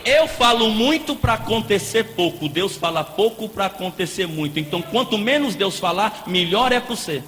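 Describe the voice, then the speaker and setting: A man preaching a lively sermon as a pastor, playful and joking with the congregation. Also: sits high, moderate pace, hardly any pauses. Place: church hall. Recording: echoey hall with faint noise.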